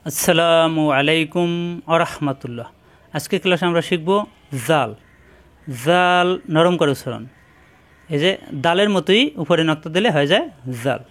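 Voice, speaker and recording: A man with a Bangladeshi Bengali accent teaching Quran letter pronunciation, repeating each syllable slowly and explaining how to shape it. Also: on the high side, a bit bright. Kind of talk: slow drilled recitation lesson.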